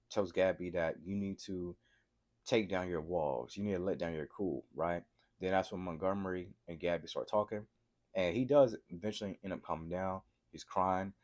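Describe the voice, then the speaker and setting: In this low-pitched voice, a TV episode reviewer who has a cold and a sore throat recaps a show for his audience with real excitement. It's a laid-back recap vlog, and he often tosses in a quick "right?"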